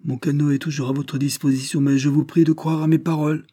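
A man's voice: on the high side, level tone, fast talker, warm tone, slightly rough, dry recording, clean studio sound, pitched above the performer's own voice. A man voicing an earnest young male sailor in an audiobook, pleading and insistent.

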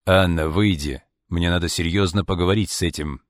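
A man voicing a furious, domineering middle-aged father who shouts harshly. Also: sits low, steady tone, brisk, no echo, studio quality, natural voice. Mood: raging. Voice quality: bellowing, harsh.

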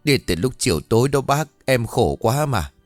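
A man's voice: mid-range voice, very animated, moderate pace, no echo, faint music behind, natural voice. A man voicing a jealous, weepy middle-aged village wife who pleads through tears. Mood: tearful. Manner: tearful, wailing pleading.

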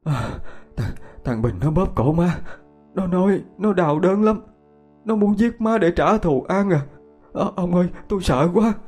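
A man voicing an older mother who cries out in a shrill, panicky voice. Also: expressive, a little slow, darkish tone, faint music behind. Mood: terrified. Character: terrified older mother, frantic.

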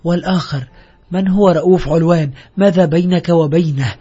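A man's voice: on the high side, fairly quick, warm tone, slightly rough. A male narrator voicing a desperate, weary young woman who pleads and reproaches. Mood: pleading. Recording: dull lo-fi audio.

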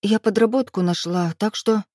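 A woman's voice: fairly even intonation, mellow, dry recording, clean studio sound, lightly acted. A woman doing a tearful, anxious young woman. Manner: high, strained, quick.

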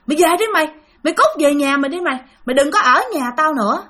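A hostile possessed young woman cries out curses and accusations in a high, piercing voice. She speaks, while a woman narrator acts her out. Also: fast, bright, forceful tone. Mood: scornful. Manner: shrill, cursing, accusing.

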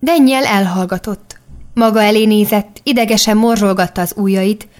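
A woman reads a children's novel aloud in the first person. Her voice sits at an ordinary middle pitch, and her delivery stays even and clearly articulated throughout. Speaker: audiobook narrator. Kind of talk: scripted first-person narration.

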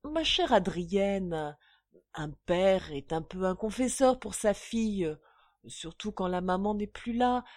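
Une lectrice faisant un père bourgeois colérique. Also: female voice, mid-range voice, expressive, slow pace, dry recording, studio quality. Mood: coaxing. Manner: blustering, loud outbursts. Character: greedy bullying bourgeois father, hot-tempered older man.

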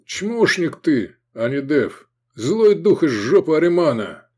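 A man doing a hoarse, furious bandit chief. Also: fairly high pitch, sing-song, a little slow, pitched above the performer's own voice, exaggerated voice. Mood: angry. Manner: shouting, snarling. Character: furious cornered male bandit leader, hoarse, cursing.

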